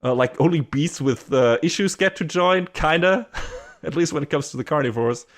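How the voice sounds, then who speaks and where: A man's voice: a little high, moderate pace. A man co-hosting a podcast, chatting casually in a rambling way, swearing and laughing often. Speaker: podcast co-host.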